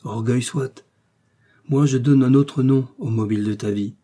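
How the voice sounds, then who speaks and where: A man's voice: mid-range voice, measured pace, dark tone, husky. A man reading the lines of a proud, disdainful aristocratic woman.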